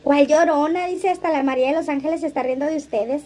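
Livestream host, woman, high voice, gossipy and playful. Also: quick pace, darkish tone. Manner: chatty, laughs often, reads comments aloud. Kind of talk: casual livestream chat reading comments.

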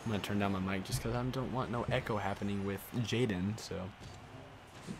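A young man giving casual, excitable commentary while playing a game, swearing and shouting at plays. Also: on the low side, normal speed. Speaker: gameplay streamer.

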